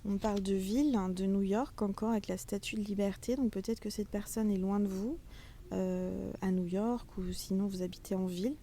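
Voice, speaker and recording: A woman's voice: medium pitch, steady tone, moderate pace, dark tone, slight background noise. A woman giving a casual, chatty tarot reading outdoors in front of a castle, talking straight to her viewers. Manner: chatty, addresses viewers as little stars. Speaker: tarot reader.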